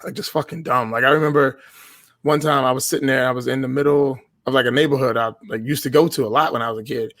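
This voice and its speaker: A man's voice: mid-range voice, steady tone, fast, a bit bright, no room sound. A man in his thirties, a podcast guest, telling casual stories in a blunt, profane way and often laughing as he talks. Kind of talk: casual storytelling.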